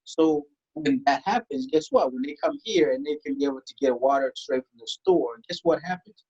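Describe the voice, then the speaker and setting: With a slightly rough, darkish mid-range voice at normal speed and lo-fi sound, a man from South Sudan appears as an interview guest. The tax strategist speaks emphatically, tossing out rhetorical questions and frequent "you know" and "right?".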